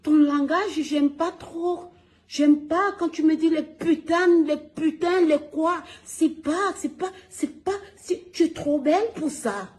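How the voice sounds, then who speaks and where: A man imitating a prim, soft-spoken older woman scolding someone, in a high, laughing, mock-refined voice. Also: slow pace.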